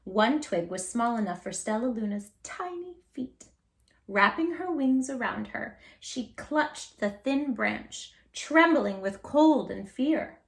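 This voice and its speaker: With a voice a little on the high side, a woman host reads a kids' story in an animated, expressive style, pausing dramatically and drawing out key words.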